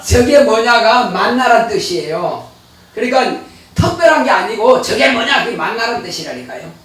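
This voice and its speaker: A man's voice: very high voice, animated, moderate pace, a bit bright, very echoey, recorded from a distance, low-quality recording. A male pastor giving a folksy, chatty sermon full of rhetorical questions to his congregation. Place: church sanctuary.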